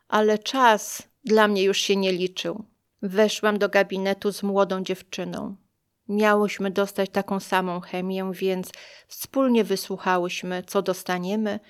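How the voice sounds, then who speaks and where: Woman narrator, first-person memoir, quiet and reflective, smooth clear voice, mid pitch. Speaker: narrator of her own story.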